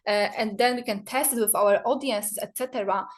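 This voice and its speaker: On a video call, a woman from Poland who sits on the board of a PR association responds during an online panel. Her medium-pitched voice is brisk with fairly even intonation, and she restarts and uses fillers a lot.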